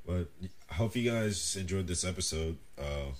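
A young man hosting a casual podcast chat, relaxed and joking, often laughing, a bit stuffed up. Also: deep voice, moderate pace. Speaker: podcast host.

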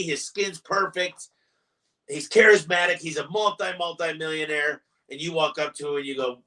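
A man's voice: fairly high pitch, bright, forceful tone, distant mic. A man, a business owner guest on a podcast, talking in an emphatic, motivational way and telling stories. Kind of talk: podcast interview.

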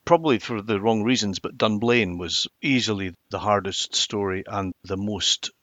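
Low-voiced Highland Scottish man, reflecting. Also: moderate pace, fairly bright tone, no room sound. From Inverness, Highlands of Scotland. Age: middle-aged or older. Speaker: interview guest, former television journalist. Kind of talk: reflective conversational interview storytelling.

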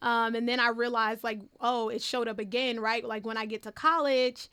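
A young woman telling her college story in a casual interview, animated and full of fillers like "like" and "um". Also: fairly high pitch, moderate pace, clean tone. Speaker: interviewee, first-generation college graduate.

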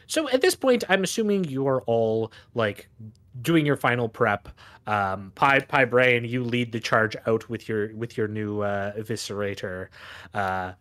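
A man with a slightly low voice runs a tabletop roleplaying game. He narrates as game master in a halting way, with dramatic pauses. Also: a bit bright.

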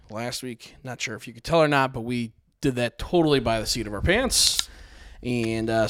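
Smooth-voiced man hosting a casual podcast. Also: mid-range voice, no room sound, studio quality. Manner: relaxed, rambling intro with fillers. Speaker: podcast host. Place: home garage.

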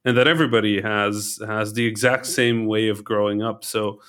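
A man's voice: on the low side, steady tone, normal speed, fairly bright tone, clean tone. A man from the Netherlands, a podcast guest, talking in a reflective way, thinking aloud and often adding tag questions. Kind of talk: casual interview chat.

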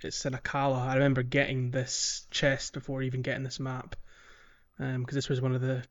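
A man with a medium-pitched, monotone voice hosts a podcast, chatting a little quickly about video games. His talk is casual, hesitant and rambling, and the recording has a lo-fi sound.

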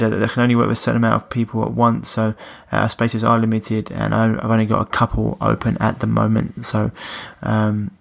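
Gravelly Essex man hosting a podcast. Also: on the low side. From Essex, England. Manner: matey, informal, stumbling over words. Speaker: podcast host. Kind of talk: casual podcast intro and interview chat.

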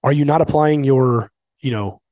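A man co-hosting a podcast in an easy, teasing way, ribbing his partner and sometimes hamming up his enthusiasm. His voice sits at an ordinary middle pitch. The recording is dry and close, with no room sound. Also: moderate pace, a little mellow, no room sound. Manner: teasing, playful, breaks into bursts of exaggerated enthusiasm. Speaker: podcast co-host. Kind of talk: casual chat.

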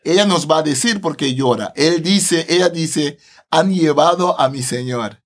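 A man's voice: fairly high pitch, measured pace. A man, a Bible translator guest on a podcast, explaining scripture animatedly, laughing often and tagging his phrases with a questioning "no".

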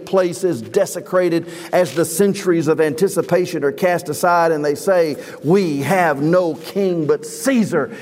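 Fervent male pastor preaching in a reverberant church. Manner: fervent preaching, rising high and loud on emphasis. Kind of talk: sermon. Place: church sanctuary. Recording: reverberant hall.

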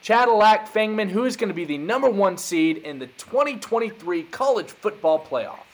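A podcast host talks college football in a casual sports chat, hyped and emphatic. His voice is high and expressive, at normal speed, with slight background noise.

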